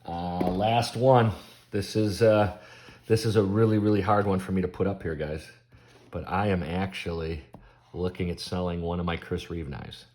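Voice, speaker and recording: A man showing and selling knives from his collection in a relaxed, chatty vlog, with frequent ums and admiring remarks. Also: low voice, moderate pace. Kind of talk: casual show-and-tell sales vlog.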